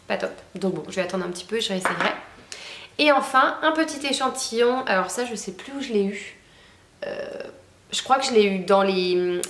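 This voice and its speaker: A woman's voice: medium pitch, roomy sound. A young woman chatting casually about beauty products she has used up, with lots of hesitations and fillers. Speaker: beauty vlogger. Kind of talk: casual product review chat.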